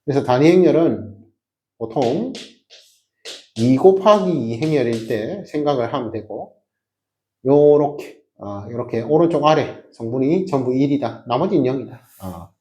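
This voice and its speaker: A man's voice: medium pitch, expressive, moderate pace, dark tone. A man teaching a math class, explaining step by step with emphatic rhetorical questions to his students. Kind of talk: classroom lecture.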